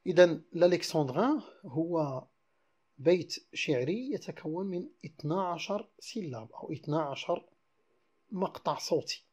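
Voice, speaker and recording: A male teacher with a Moroccan accent lectures on French verse, moving between French and Moroccan Arabic. His voice sits a little high but sounds mellow and husky. He slows down to count out verses one syllable at a time. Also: lively intonation. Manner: explains slowly, then spells out verses syllable by syllable.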